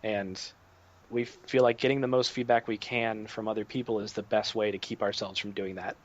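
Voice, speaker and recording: A man being interviewed about his game, talking in a relaxed, rambling way full of "like" and "um". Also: fairly low pitch, moderate pace. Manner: relaxed, filler-heavy, lots of "like" and "um". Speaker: game developer guest. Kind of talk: podcast interview. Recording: dull lo-fi remote audio.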